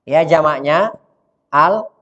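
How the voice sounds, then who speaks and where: A man's voice: on the high side, normal speed, pushed and bright. A man teaching an Arabic grammar lesson who reads phrases aloud, translates them and often quizzes his students. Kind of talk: classroom lesson explaining a grammar text. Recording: dull sound with long hall reverb.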